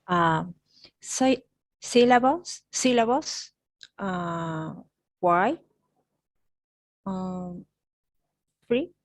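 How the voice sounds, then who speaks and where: Slow, hesitant female language student. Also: fairly low pitch, animated, dry recording. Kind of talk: repeating words in a language class.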